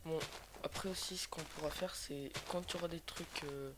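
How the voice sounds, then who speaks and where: A man's voice: on the high side, steady tone, normal speed. A young man giving casual, slangy gameplay commentary, hesitant and sweary, his voice sick from a sore, swollen throat. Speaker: gaming video host. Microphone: cheap computer microphone. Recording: noisy cheap microphone with clicks.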